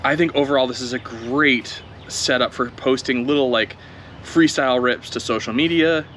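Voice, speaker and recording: A man's voice: mid-range voice, normal speed, a little hiss or hum. Chatty man commenting outdoors while flying. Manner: relaxed, chatty, thinking aloud while flying. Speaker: drone video creator. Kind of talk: casual first-flight commentary.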